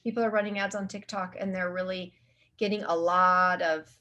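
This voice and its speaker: A woman's voice: lowish voice, fairly even intonation, normal speed, bright, forceful tone, highs cut off. A woman speaking as a marketing guest in a casual interview. She rambles, restarts her sentences and uses lots of filler words. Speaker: guest social media marketing specialist.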